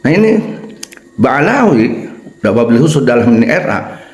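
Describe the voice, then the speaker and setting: Emphatic cleric in an echoey room. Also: male voice, sing-song, a little slow, darkish tone. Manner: emphatic, hammers points by repeating them; sudden high-pitched bursts of stress. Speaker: Islamic cleric. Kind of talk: religious lecture.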